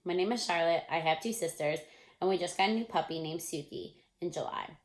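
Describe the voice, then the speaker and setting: A woman's voice: lowish voice, fairly quick, lightly acted. Chatty schoolgirl, read by a woman. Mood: sunny. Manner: ready and chatty. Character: confident cheerful schoolgirl.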